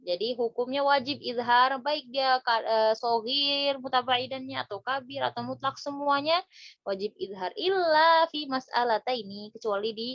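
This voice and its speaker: Female teacher, slightly high voice, relaxed tajwid lesson, recites examples slowly; dry close sound. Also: dry recording. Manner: chatty, self-correcting, slow drawn-out recited examples. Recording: dull lo-fi dry recording.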